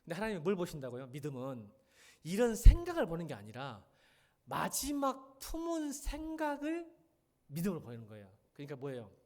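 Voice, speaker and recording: A man's voice: on the high side, fast talker. A middle-aged pastor preaching a midweek sermon in a church. He has a slightly raised voice that rises and falls widely, and he keeps putting questions to the congregation and calling for their attention. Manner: animated, questions and addresses the congregation. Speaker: senior pastor.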